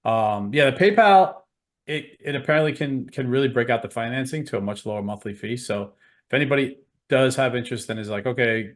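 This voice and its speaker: A man with a New York accent co-hosting a webinar over a video call, speaking in a hesitant, apologetic way. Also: mid-range voice. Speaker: co-host. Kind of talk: casual webinar chat.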